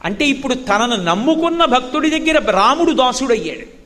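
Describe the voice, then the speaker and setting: High bright-voiced man preaching in a hall. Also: fairly quick. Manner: animated storyteller who recites Sanskrit verses. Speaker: spiritual discourse speaker. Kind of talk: devotional sermon with storytelling. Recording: long hall reverb.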